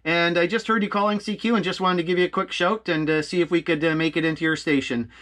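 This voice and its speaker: Quick-paced and fairly bright, a Canadian ham radio operator who hosts videos talks casually in a high-leaning, steady voice. He narrates and chats about radio, spelling call signs out phonetically.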